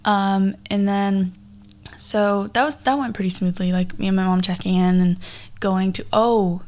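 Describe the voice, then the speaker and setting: A woman's voice: medium pitch, steady tone, a little slow, a little mellow. A woman of twenty-one hosting a casual podcast from a garage, telling personal stories in a chatty, rambling way that often backtracks. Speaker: podcast host. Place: recorded in a garage.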